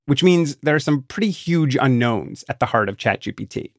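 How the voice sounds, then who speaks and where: A man's voice: medium pitch, lively intonation, normal speed. A man narrating a scripted audio documentary as its host. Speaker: podcast series host. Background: guitar music.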